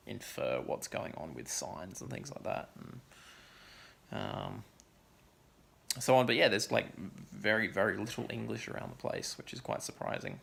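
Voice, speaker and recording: A man's voice: lowish voice, creaky, fairly bright tone, slightly rough. A young man talking casually in a vlog, rambling with many ums and likes. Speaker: vlogger.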